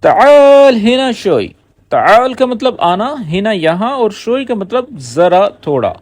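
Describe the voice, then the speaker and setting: High, lively man teaching spoken Arabic. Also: no echo. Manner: explains slowly, repeats phrases word by word. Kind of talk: language lesson.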